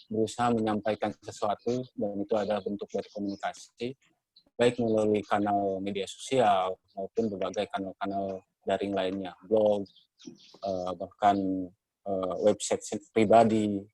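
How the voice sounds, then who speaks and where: An Indonesian man moderating a journalism training session, speaking in a measured way with many hesitations. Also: on the low side, level tone, dark tone, no room sound, low-quality recording. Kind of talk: workshop moderation, lecturing.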